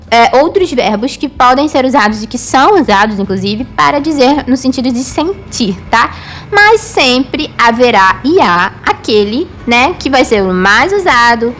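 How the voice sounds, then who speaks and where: A woman teaching an online language lesson, patient and explanatory, slowly repeating each word for her students. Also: sits high, fairly bright tone, slight background noise. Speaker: Hebrew teacher.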